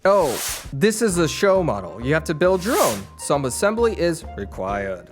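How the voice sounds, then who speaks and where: Wildly animated shark salesman. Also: a little high, normal speed, over music. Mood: slippery. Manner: showy sales patter. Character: fast-patter, slippery male shark salesman, cheerfully greedy.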